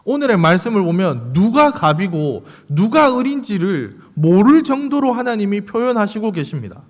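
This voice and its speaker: A man, his voice sitting high and moving lively across its range. He keeps the congregation engaged with rhetorical questions and light humor. A long church reverb trails each phrase. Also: normal speed. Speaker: pastor. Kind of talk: sermon. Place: church sanctuary.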